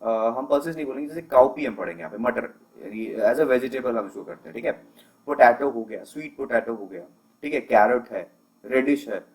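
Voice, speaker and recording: A young man of medium pitch teaches agriculture from a slide deck, captured on a poor-quality recording. His explanations are patient, and he drops English terms into his Hindi with frequent filler words.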